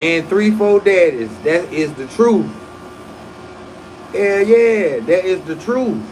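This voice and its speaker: A man in his forties rambling through a casual livestream, his voice sitting a little high for a man. He talks in loose, profane slang, often restarting his sentences mid-thought. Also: animated, takes it slowly, a little mellow, slight background noise, rough recording. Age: 40s. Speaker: livestream host.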